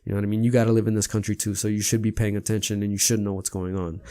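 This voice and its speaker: A male podcast host talks through a loose, rambling monologue, leaning on "man" and "you know what I mean" as he goes. His voice sits a bit low and relaxed, with a casual, conversational tone. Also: very fast, clear, resonant tone, no echo.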